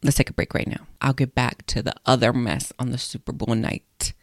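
A woman's voice: very deep voice, fairly even intonation, brisk, no echo, studio quality. A young woman hosting a solo podcast, talking in a chatty, blunt way and swearing freely. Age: young adult. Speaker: podcast host. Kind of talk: casual solo podcast chat.

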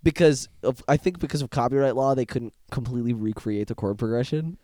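A man's voice: medium pitch, a little fast, mellow, no room sound, clean studio sound. A young man co-hosting a podcast in casual chat, swearing often and joking around. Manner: swears a lot, jokey, hums and sings snippets. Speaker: podcast co-host.

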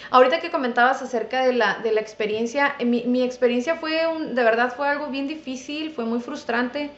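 A woman's voice: high-pitched, steady tone, a little fast. Lady guest telling her faith story earnestly, kinda roomy lo-fi audio. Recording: roomy, dull lo-fi sound.

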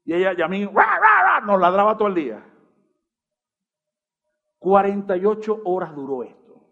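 A pastor in his forties preaches with lively energy and keeps asking his listeners rhetorical questions. His voice sits high for a man. The recording sounds dull and muffled. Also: normal speed. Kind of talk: sermon.

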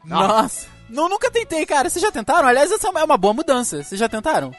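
A man's voice: very high-pitched, fast talker, soft background music. A man co-hosting a casual podcast chat, telling stories and asking the others questions. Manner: animated storyteller, asks the others questions. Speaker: podcast co-host.

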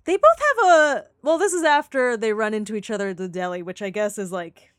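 A woman's voice: medium pitch, clean tone, dry recording, clean studio sound. A young woman in casual chat, talking through a show's plot, acting out the characters' lines and laughing often. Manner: animated, acts out characters' lines in quick voices, laughs often. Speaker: podcast co-host discussing a TV series.

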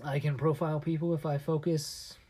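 A man co-hosting a casual chat podcast, telling stories in a halting way full of restarts and often dropping his voice low and conspiratorial. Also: level tone, warm tone, breathy edge. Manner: halting storyteller with many restarts. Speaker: podcast co-host.

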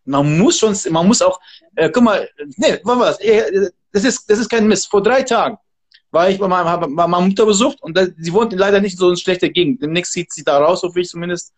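A man's voice: sits high, a little fast. A man, a martial arts trainer and guest, talking casually in an interview in an emphatic, motivational way.

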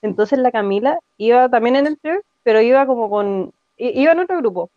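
A woman's voice: fairly high pitch, expressive, a little fast, no room sound, highs cut off. A young woman with a Chilean accent chatting casually as a podcast co-host, telling stories animatedly and acting out her own quotes. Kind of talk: casual chat.

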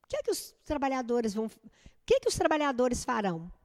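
A woman's voice: high voice, big pitch swings, a little fast, a little mellow, big-room sound. A woman with a Brazilian Portuguese accent teaching a spiritist study group, asking rhetorical questions and checking that the class follows.

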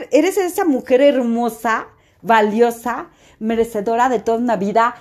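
A woman's voice: a little high, a little mellow. A woman self-help coach giving an emphatic motivational talk, full of rhetorical questions.

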